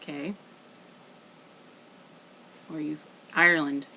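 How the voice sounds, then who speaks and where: A woman with a fairly low voice hosts a casual snack tasting with friends. She reads the labels aloud and explains the snacks in a knowing, matter-of-fact way. The home recording carries clear background noise. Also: level tone, slow, sharp tone, rough recording. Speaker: vlog host.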